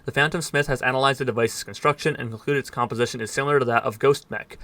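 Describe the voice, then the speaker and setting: A man races through in-game text, reading it aloud for his viewers. His voice is bright and crisp, recorded close and dry with no room sound. Now and then he trips on a word or drops a dry aside. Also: mid-range voice, fairly even intonation, no room sound. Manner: fast, slightly stumbling reading with dry asides. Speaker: gaming let's player.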